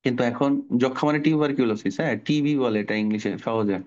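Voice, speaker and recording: A man's voice: mid-range voice, fast talker, darkish tone, dull audio. A middle-aged man teaching an online spelling class to children, explaining patiently and asking the class questions.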